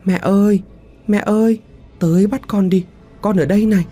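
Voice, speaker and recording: Man doing a little ghost child, high wailing voice, pleading, horror story telling. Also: steady tone, moderate pace, warm tone, husky, faint music behind. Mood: calling.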